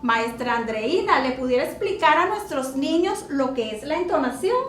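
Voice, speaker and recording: A woman teacher explaining punctuation to children in a slow, deliberate classroom manner. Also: high voice, expressive. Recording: echoey room with faint music.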